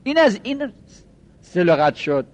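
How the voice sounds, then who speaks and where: A man's voice: high-pitched, big pitch swings. A male teacher with a Luri Persian accent, lecturing a class on grammar and patiently repeating each example while checking that the students follow along. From Lorestan, Iran.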